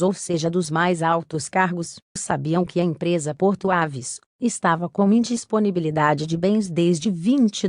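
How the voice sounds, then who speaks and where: A synthetic robotic woman's voice reading a scripted narration of a court case, even and methodical. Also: fairly low pitch, dry recording, studio quality. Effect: robotic text-to-speech voice.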